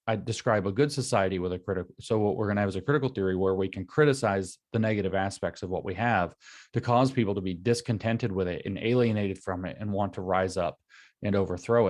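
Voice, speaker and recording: A man's voice: on the low side, a little mellow. A man speaking as a guest over a video call, explaining ideas in long lecture-like runs joined by "and so". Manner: long run-on explanations linked with "and so". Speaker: guest commentator. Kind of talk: explanatory lecture-style talk.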